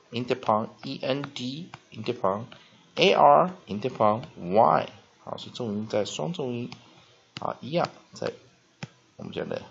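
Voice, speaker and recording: Here a man explains English vocabulary at a whiteboard one step at a time, spelling words aloud and often drawing out an "ah" as filler. He has a medium-pitched voice that is creaky with a breathy edge, captured on a dull, lo-fi recording.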